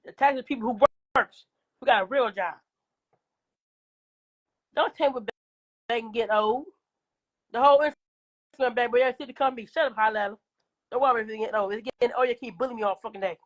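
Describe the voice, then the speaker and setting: A woman's voice: on the high side, highs cut off. Combative coughing woman ranting on a livestream. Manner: combative, profane, talking back to viewers. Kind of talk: casual livestream rant.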